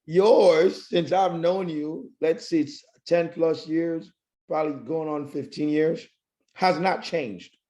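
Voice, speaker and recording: A man's voice: fairly high pitch, slow pace, dark tone. A man co-hosting a casual podcast chat, teasing his friend with laughter and repeated phrases. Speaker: podcast co-host.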